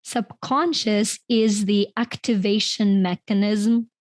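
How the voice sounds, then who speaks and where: A middle-aged Ukrainian woman, an author and coach, tells her story as a podcast guest in a conversational interview, chatting freely and often laughing mid-sentence. Her voice is medium-pitched with fairly even intonation, and she speaks slowly on a dry recording.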